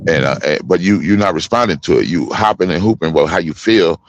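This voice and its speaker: A man in his fifties talking forcefully in a heated panel discussion, preaching in street slang. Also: sits low, quick pace, no room sound. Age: 50s. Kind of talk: heated casual panel talk.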